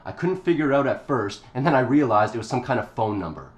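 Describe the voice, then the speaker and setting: Casting: actor as confused, insistent man, urgent and earnest, mid-pitched, film dialogue in an echoey room. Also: sing-song, quick pace, close to an everyday voice. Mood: urgent explaining. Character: confused, insistent young man demanding answers. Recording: echoey room with faint background noise.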